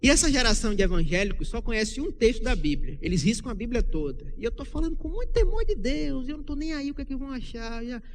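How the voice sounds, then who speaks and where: A young man with a Brazilian Portuguese accent preaches in a church at an evening service, his voice pitched high for a man. He moves from loud, heated rebuke down to hushed, low passages. A faint hum sits behind him. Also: sing-song, fast talker, hardly any pauses. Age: young adult. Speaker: pastor. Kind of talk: sermon.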